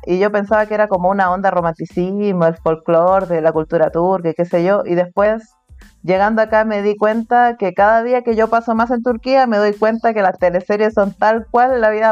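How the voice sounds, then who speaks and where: A woman's voice: mid-range voice, fairly even intonation, fairly quick, clean tone, no echo, muffled recording, faint music behind. A woman from Chile with a Chilean Spanish accent, an artist being interviewed in a casual, chatty way. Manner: casual, chatty, laughs between points. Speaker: interviewee, artist living abroad. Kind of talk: remote interview conversation.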